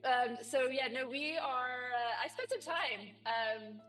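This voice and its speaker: A woman's voice: sits high, takes it slowly, a bit bright, far from the mic, soft background music. A woman co-hosting a casual live stream, bubbly and giggly as she tells stories. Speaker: stream co-host.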